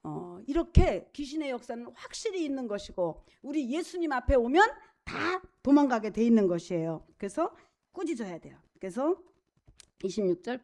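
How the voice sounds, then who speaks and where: Middle-aged female pastor, high voice, emphatic preaching, quizzes the pews. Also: darkish tone. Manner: emphatic and conversational, asks the congregation questions. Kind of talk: sermon.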